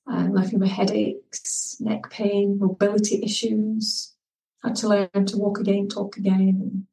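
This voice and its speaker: A woman's voice: mid-range voice, warm tone, recorded from a distance. A Scottish woman in her thirties, a well-being coach talking earnestly and reflectively as a podcast guest. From Scotland. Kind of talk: podcast interview. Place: home in Turkey, remote call. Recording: echoey room, off-mic, faint music.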